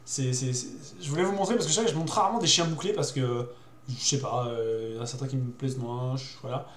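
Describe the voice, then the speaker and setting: A man's voice: mid-range voice, fast talker. Hesitant young man in a roomy space. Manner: hesitant, many fillers and repeated words; youthful slang. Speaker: host presenting dog breeds. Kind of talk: casual explanatory talk. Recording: roomy echo.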